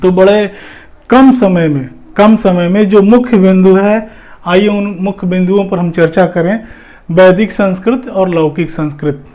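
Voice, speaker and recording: A man's voice: sits high, unhurried, warm tone. A man teaching an exam-prep lecture, explaining step by step with frequent fillers and repetitions. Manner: explanatory, repeats points, many fillers.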